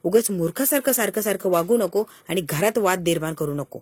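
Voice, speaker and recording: A woman's voice: lowish voice, expressive, a little fast, a little mellow, breathy edge, no room sound. A woman voicing a hot-headed young husband who pleads and then scolds, repeating himself, in a storytelling retelling. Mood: angry.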